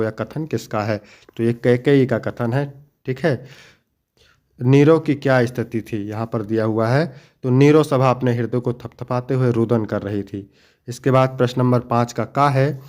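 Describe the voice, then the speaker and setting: Teacher, young adult man, methodical exam-prep explainer, mid-pitched voice. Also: darkish tone. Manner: explains each question and answer step by step, addressing students fondly. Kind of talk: exam paper walkthrough lesson.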